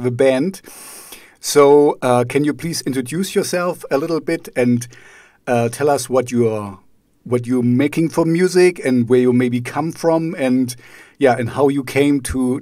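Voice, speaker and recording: Non-native male host, halting, repeats words, dry close sound, mid pitch. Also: a little mellow, no echo. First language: not English. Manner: hesitant, stumbles and repeats words. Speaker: podcast host. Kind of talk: casual interview questions.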